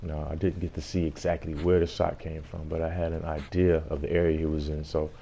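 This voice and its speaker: A man's voice: rumbling low, little pitch movement, brisk, vocal fry, mellow, a little hiss or hum. A man giving a casual gameplay tutorial as host, explaining things in an informal way.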